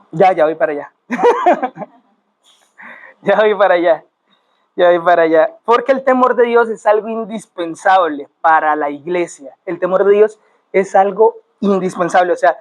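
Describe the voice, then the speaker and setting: High-voiced pastor preaching. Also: male voice, poor audio. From Colombia. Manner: explains words step by step, repeats phrases, asks the congregation questions. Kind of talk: sermon teaching. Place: church sanctuary.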